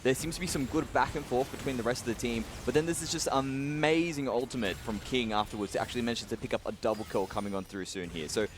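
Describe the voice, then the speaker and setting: A man's voice: medium pitch, background noise. A man breaking down esports replays at speed, piling on fillers as he walks through the plays. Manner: fast, filler-heavy play-by-play breakdown. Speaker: esports analyst.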